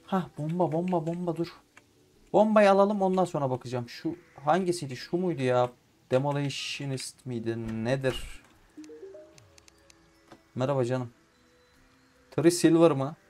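A young man with in-ear headphones, chatting casually as he plays and often swearing or shouting at the game. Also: fairly high pitch, normal speed, pauses often, soft background music. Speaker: gaming YouTuber. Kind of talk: casual let's-play commentary. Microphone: in-ear headphones with mic.

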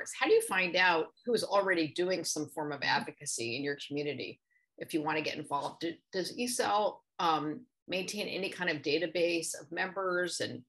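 A middle-aged woman hosts the question round of an online workshop from her home office. She reads out audience questions calmly and at an even pace. Her voice sits on the low side. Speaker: moderator. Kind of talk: moderating a webinar Q&A. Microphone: video call.

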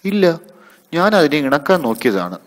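An earnest little boy explains himself in a high, childlike voice, as a man reading the story puts him on. He sounds curious and sincere. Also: big pitch swings, moderate pace.

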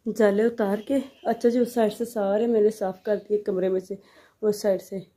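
A woman, a mother quietly narrating her housework at home in a casual vlog. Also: little pitch movement, moderate pace. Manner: soft, low-key running commentary on chores. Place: home indoors.

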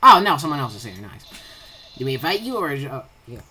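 A woman giving excitable gameplay commentary, blurting out reactions and reading game dialogue aloud. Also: a bass voice, brisk, husky, faint music behind. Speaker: gamer recording gameplay.

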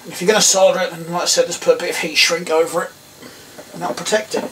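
This DIY electronics host, a middle-aged man from England, talks quickly in a high-pitched, level and fairly bright voice. He gives a relaxed hands-on tutorial, rambling and thinking aloud inside a small workroom. The recording has a distant mic and some background noise.

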